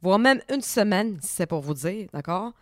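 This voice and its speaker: A man's voice: high-pitched, animated, normal speed, no echo, clean studio sound. A man voicing a chatty, complaining woman neighbour in a comic sketch.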